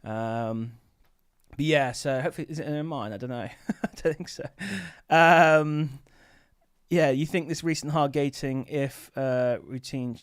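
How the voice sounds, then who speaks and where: His voice sits on the higher side and sounds smooth, recorded at studio quality without echo. The man hosts a relaxed livestream from an office, chatting and digressing as he responds to viewers' online-selling questions.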